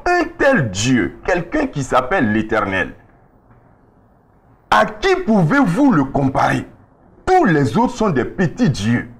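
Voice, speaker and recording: A male preacher teaching a Bible lesson, explaining slowly and often checking that his listeners follow. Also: a little high, slightly rough.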